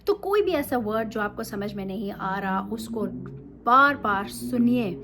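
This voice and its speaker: A woman's voice: a little high, animated, a little slow, gravelly, background noise. A woman teaching English in a casual talk, mixing Urdu and English and often checking in with her listeners.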